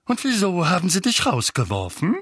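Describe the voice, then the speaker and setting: A man's voice: medium pitch, wildly swooping pitch, takes it slowly, a bit bright, slightly rough, dry recording, clean studio sound, exaggerated voice. A man voicing a blustering, furious middle-aged uncle who barks and bellows at his nephew. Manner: bellowing, barking.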